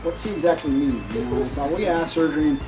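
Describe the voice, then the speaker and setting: A man giving an unscripted graduation tribute, emotional and halting, with many pauses and fillers. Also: on the high side. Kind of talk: unscripted speech at a ceremony. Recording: voice a bit distant, music behind.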